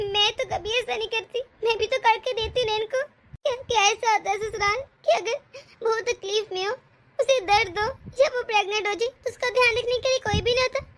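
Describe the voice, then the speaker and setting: A woman's voice: very high voice, a bit bright, a little hiss or hum. A tearful young pregnant daughter-in-law, voiced by a woman. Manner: tearful, pleading. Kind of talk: cartoon voice acting.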